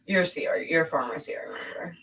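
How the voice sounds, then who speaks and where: Low, husky woman in casual chat. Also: expressive, fast, fairly bright tone, in a whisper, rough recording. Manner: blunt, swears freely, laughs often. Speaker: podcast host.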